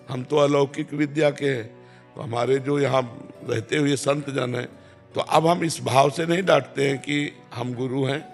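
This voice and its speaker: A man, calmly answering devotional questions as a spiritual teacher and repeating key phrases. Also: medium pitch, vocal fry. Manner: calm, repeats key phrases, chants verses slowly.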